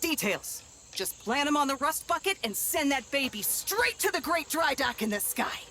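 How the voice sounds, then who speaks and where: In a video game cutscene, an actor voices a flamboyant male film director, a flattering showman who gushes theatrically and shifts tone fast. The exaggerated voice is very high-pitched, very animated, pushed and bright, with slight background noise.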